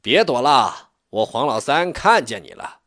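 A man voicing a swaggering bandit chief who laughs loudly and mocks people in a storybook reading. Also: sing-song, measured pace, exaggerated voice. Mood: gloating. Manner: booming laughter, mocking.

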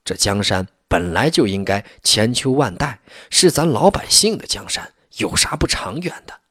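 Earnest kind young cadre guy, storyteller voicing him, husky, rises up when he gets fired up. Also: on the low side, sing-song, moderate pace, fairly bright tone, no echo, clean studio sound, full character voice. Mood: reassuring. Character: young communist cadre, warm and reassuring.

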